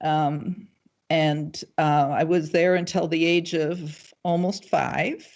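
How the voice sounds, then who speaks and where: An older woman answering interview questions in a measured, thoughtful way, pausing often with ums. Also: low-pitched, fairly even intonation, a little mellow. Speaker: guest, local party committee chair. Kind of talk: casual livestream interview.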